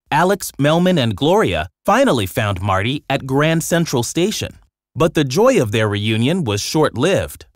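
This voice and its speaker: Reading a scripted children's story, this storybook narrator performs with expressive, dramatic flair. The voice sits at a medium pitch, and the studio-quality recording has no echo.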